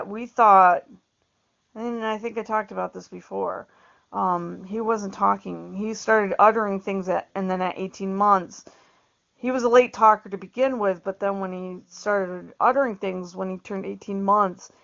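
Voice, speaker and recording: A middle-aged woman vlogger rambles casually in a monologue, repeating words and laughing often. Her medium-pitched voice is a bit bright, with vocal fry, and the recording is dull and lo-fi.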